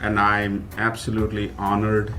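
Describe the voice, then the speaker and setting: A lowish, bright, forceful voice delivered in monotone at a moderate pace belongs to a South Indian college president who grew up speaking Kannada. In a casual radio studio interview he speaks earnestly and with gratitude, often beginning phrases again.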